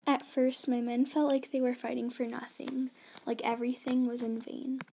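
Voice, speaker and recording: A woman's voice: high voice, flat delivery, moderate pace, creaky, warm tone, breathy edge, exaggerated voice, low-quality recording. A woman voicing a young male immigrant miner, in an earnest first-person school history narration read plainly aloud.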